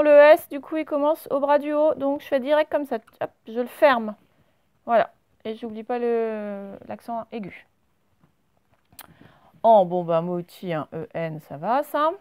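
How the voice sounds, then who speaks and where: A woman's voice: on the high side, a little mellow, clean tone, no room sound. A woman teacher in a classroom at the blackboard, patiently talking pupils through joined-up handwriting step by step. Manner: slow, patient step-by-step dictation. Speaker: primary school teacher. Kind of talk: recorded handwriting lesson.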